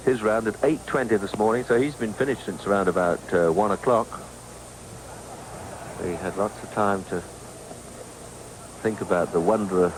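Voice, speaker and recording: A man giving measured, understated live commentary on a golf tournament. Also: low-pitched. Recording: noisy outdoor 1980s TV broadcast.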